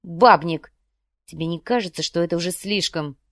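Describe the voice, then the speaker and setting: A woman's voice: lowish voice, normal speed, no room sound, clean studio sound, lightly acted. A woman reading the part of a jealous, bitter husband, talking in an angry, clipped way.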